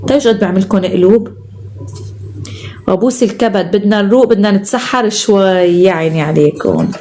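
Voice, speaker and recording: A Syrian-accented woman hosts a live stream, reading viewer comments aloud in quick, breezy chatter. She talks fast and calls everyone by sweet pet names. Her voice sits at an ordinary middle pitch. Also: mellow, slight background noise. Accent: Syrian Arabic. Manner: affectionate, showers viewers with endearments.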